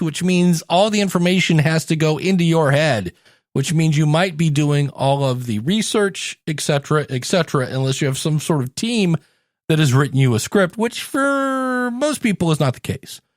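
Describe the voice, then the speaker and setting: A man from Ohio in the United States hosts a solo podcast, giving listeners direct, conversational coaching as he teaches. His voice sits fairly high, and the clean studio sound carries no echo.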